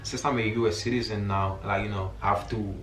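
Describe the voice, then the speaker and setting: With a Haitian accent, this young man addresses his vlog audience informally and sincerely, full of slang and repeated phrases such as "you feel me." He speaks a little fast in a slightly bright, low-leaning voice with fairly even intonation, and the distant mic catches room echo and faint noise.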